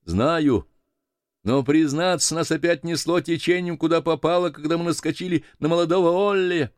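A man voicing a brash, mocking fisherman calling out from a nearby boat in an audiobook, shouting across the water. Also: on the high side, moderate pace, smooth, no room sound, clean studio sound, voice pushed up, natural voice. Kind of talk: audiobook character voice.

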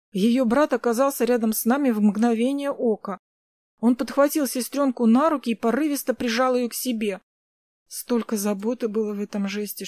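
A woman giving gentle, reflective first-person audiobook narration. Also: fairly high pitch, no room sound.

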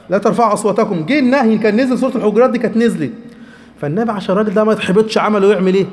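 Egyptian religious teacher, male, high and fast, emphatic delivery, long hall reverb. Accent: Egyptian Arabic. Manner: emphatic, animated, acts out quoted speech. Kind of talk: lecture on hadith.

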